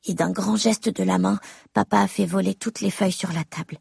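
A woman narrates an audiobook in the first person, measured and intimate, as if talking to her mother. Her voice is strongly gravelly and husky. The recording is dry and close. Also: medium pitch, fairly even intonation, a little mellow, no room sound.

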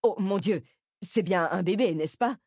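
A woman's voice: mid-range voice, measured pace, a little mellow, slightly rough, no room sound, studio quality. A woman reading the part of a courteous, cheerful man, a father out with his son.

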